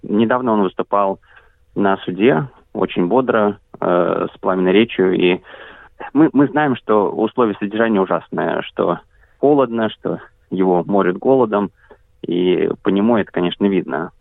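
A man interviewed as an activist coordinator, answering in a measured way with frequent hesitation sounds. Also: low voice, gravelly, dry recording. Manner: measured, frequent filler sounds, careful listing. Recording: dry tinny phone-like line.

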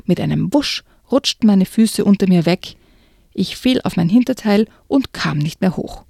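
A woman reading a children's book excerpt aloud in a hushed, often whispered way, then chatting about it. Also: mid-range voice, expressive, normal speed, vocal fry, no echo, studio quality. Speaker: reader and co-host.

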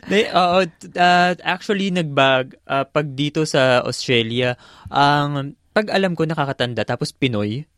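A young adult from the Philippines, co-hosting a relaxed radio chat, agreeable and full of soft murmurs of assent. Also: mid-range voice, measured pace, dry recording, clean studio sound. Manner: agreeable, many soft backchannels. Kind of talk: casual chat in a studio.

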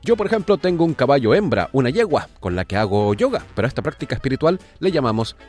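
Male host of a weird-news slot, playful asides, very animated pitch, light music bed. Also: quick pace. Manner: jokey asides, lively delivery. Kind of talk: humorous news radio segment.

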